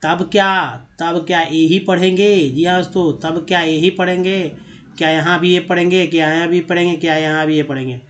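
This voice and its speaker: A man teaching English reading in a lesson, repeating words slowly and asking the viewer questions as he drills pronunciation. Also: fairly high pitch, steady tone, lo-fi sound.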